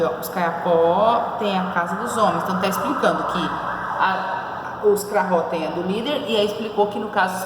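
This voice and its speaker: A woman teacher going over textbook exercises in a recorded class, patiently asking questions, answering them herself and praising her students. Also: medium pitch. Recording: echoey room with faint noise.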